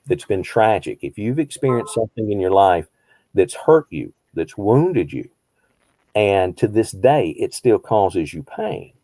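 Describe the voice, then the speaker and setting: A behavioral health counselor in his fifties teaches a small group in a conversational way, throwing out rhetorical questions and repeating phrases for emphasis. His voice is lowish and dark, and the recording is dry.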